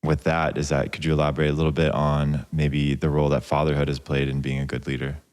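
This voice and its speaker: A man's voice: rumbling low, monotone, fast, darkish tone, in a large hall. A man hosting a podcast interview, encouraging his guest with frequent short replies. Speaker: podcast host.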